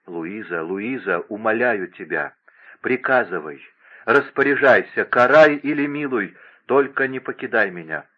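A man's voice: on the low side, expressive, measured pace, muffled recording. A man voicing a young, imperious king who speaks with passion and vehemence. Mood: pleading. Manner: impassioned, vehement.

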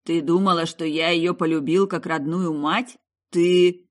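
A woman's voice: on the low side, steady tone, measured pace, natural voice. A woman voicing a young man, a grown son who grumbles and then soothes his mother. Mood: protesting.

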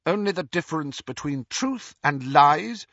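A man voicing a stern older woman professor who speaks with crisp, icy coldness, in a slightly dull, dry recording. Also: on the high side, lively intonation, measured pace, fairly bright tone, dry recording, voice pushed up, exaggerated voice. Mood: cold. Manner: crisp, icily cold. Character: stern older female professor, cold and sharp.

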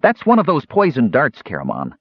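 A man voicing a small, excitable male kender trickster in a storybook reading, speaking high and eager. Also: fairly quick, husky, dry recording. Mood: menacing. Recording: dull lo-fi audiobook recording.

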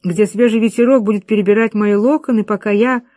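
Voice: mid-range voice, steady tone, a little fast, a little mellow, no room sound, clean studio sound, natural voice. A reader voicing a sickly young daughter who speaks weakly and theatrically. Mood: languid. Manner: weak and theatrical.

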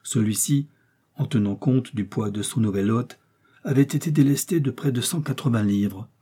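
A man narrating a classic adventure novel in a measured, dramatic storytelling voice. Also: mid-range voice, warm tone, breathy edge. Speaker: audiobook narrator. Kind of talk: scripted narration.

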